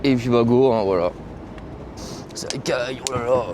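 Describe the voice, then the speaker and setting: A man's voice: medium pitch, normal speed, very noisy. A young man from France, a truck driver, chatting casually and slangily to his viewers while filming himself at a truck stop. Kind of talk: casual vlog chat. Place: truck stop outdoors, cold and windy.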